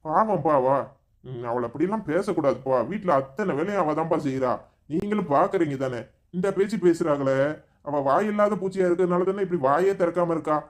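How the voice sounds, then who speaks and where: A man voicing a gentle pleading young husband. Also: a little high, fairly quick, close to an everyday voice. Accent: Tirunelveli Tamil. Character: mild young husband, peacemaking son.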